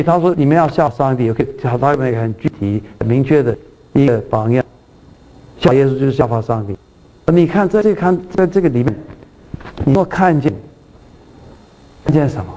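In a low-quality recording, a man with a mellow, middle-pitched voice teaches from a Bible passage. He tends to repeat himself and restart phrases, keeps asking whether his listeners follow, and lifts his voice to stress key lines of the scripture he reads.

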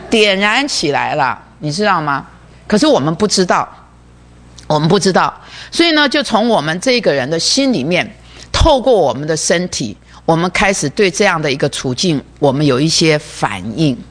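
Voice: medium pitch, a bit bright. A preacher giving a sermon that explains a diagram, who often repeats words and keeps asking the listeners rhetorical questions.

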